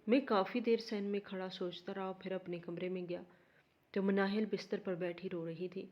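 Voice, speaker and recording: A woman reading a dramatic family story aloud in a steady, earnest way. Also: medium pitch, lo-fi sound.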